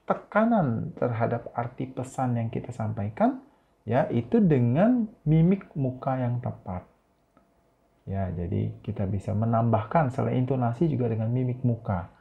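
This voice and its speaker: A man's voice: medium pitch, creaky. A male teacher giving a recorded lesson, explaining patiently and tagging many sentences with a questioning "ya". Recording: tinny phone-like recording.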